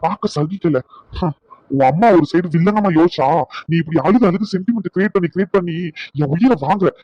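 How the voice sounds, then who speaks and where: A man's voice: sits high, fast, no room sound. An actor playing a short-tempered husband who scolds his wife with bitter sarcasm, in a dull lo-fi recording. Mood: scolding. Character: angry proud husband, adult man, short-tempered. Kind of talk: Tamil family drama acting.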